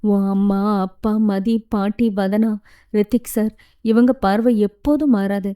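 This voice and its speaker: Woman voicing a soft mother, soothing, gentle, tearful, mellow warm tone. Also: mid-range voice, steady tone, a little slow, smooth, close to an everyday voice.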